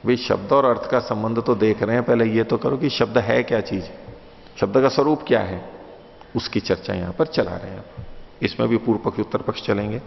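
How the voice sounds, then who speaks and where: A man giving a lesson on Vedic philosophy, reciting Sanskrit lines slowly and then explaining them in a conversational, questioning way. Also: on the low side, creaky. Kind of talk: lecture explaining Sanskrit sutras. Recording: dull lo-fi audio with long reverb.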